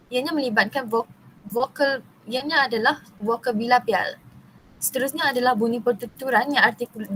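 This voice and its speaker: A young woman from Malaysia reads a university class presentation in a fairly high voice. She keeps a steady, careful pace but trips over long technical words and starts them again. A faint hiss sits under the recording. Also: rough recording. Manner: reads steadily, stumbling and restarting on long terms.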